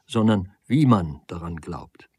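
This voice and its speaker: A man's voice: low voice, lively intonation, takes it slowly, mellow, slightly rough, no echo, full character voice. A man reading the lines of an intense young man who argues with fervent conviction in a storybook. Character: intense young man, earnest wandering philosopher.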